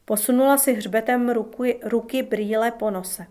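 A woman narrating a novel as an audiobook, in a calm, measured storytelling manner. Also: a little high.

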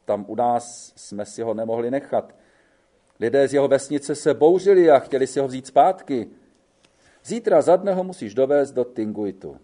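Balducci, a man reading a gruff old gendarme. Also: medium pitch, expressive, warm tone, lightly acted. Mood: urging. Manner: blunt, fatherly, calls the other man boy. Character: gruff old male gendarme, weary, blunt.

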